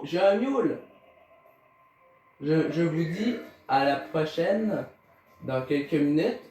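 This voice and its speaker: The voice is a man's, highish and darkish: a Canadian gaming YouTuber with a Québécois accent giving casual play-by-play. He hesitates, stammers and leans on fillers. The recording is roomy and echoey from a distant mic, with music playing.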